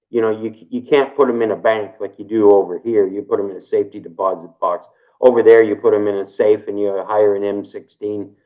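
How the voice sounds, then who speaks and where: A Canadian man in his fifties with a low voice chats casually as an interview guest. He rambles, repeats himself, and keeps ending sentences with "right?". The recording is dull and lo-fi.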